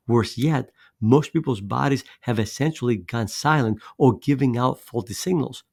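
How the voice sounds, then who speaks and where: A Greek-raised fitness coach walks through a scripted presentation of his weight loss method, earnest and persuasive. His middle-pitched voice is gravelly and a little mellow, and now and then he repeats a word or drops in a filler.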